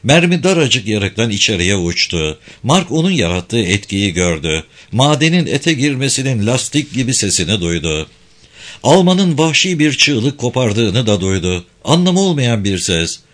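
A man narrating a war novel as an audiobook, with tense, expressive storytelling. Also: mid-range voice, moderate pace.

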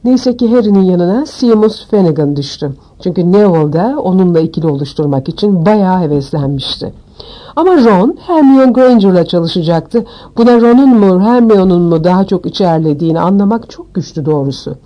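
Mellow low-voiced woman storyteller. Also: fairly quick. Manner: expressive storytelling. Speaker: audiobook narrator. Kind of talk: scripted audiobook narration.

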